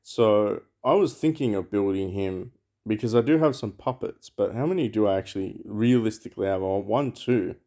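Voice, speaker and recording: Chatty man, lowish voice. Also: normal speed, mellow. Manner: chatty, rambling, thinks aloud with many fillers. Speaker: mobile game channel host. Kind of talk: casual gameplay commentary.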